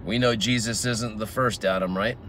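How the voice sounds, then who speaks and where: A man's voice: on the low side, steady tone, moderate pace, fairly bright tone, a little hiss or hum. A man teaching the Bible informally outdoors in a garden, reading scripture aloud and explaining it verse by verse.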